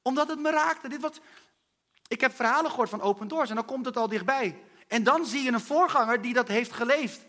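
Guy preaching, pretty high voice, earnest and personal, talks right to the crowd. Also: a little fast, bright, forceful tone. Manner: earnest, personal, addresses listeners directly. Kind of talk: sermon.

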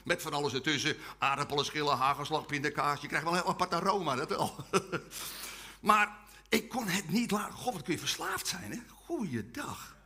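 Lively, bright-voiced male preacher. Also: a little high, normal speed, breathy edge. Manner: humorous, animated, leads call-and-response chants. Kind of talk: testimony sermon to a live audience.

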